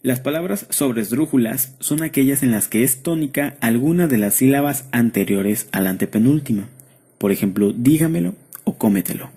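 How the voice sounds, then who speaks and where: A man with a Mexican accent reads grammar rules and lists of example words at a steady, measured pace. His voice is dark and mellow, with a husky edge. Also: mid-range voice. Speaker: student presenter. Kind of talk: read-aloud lesson narration.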